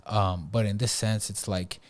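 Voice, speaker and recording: Low-voiced laid-back male podcast host. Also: steady tone, measured pace. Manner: laid-back, peppers speech with "bro" and "right?". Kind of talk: casual chat.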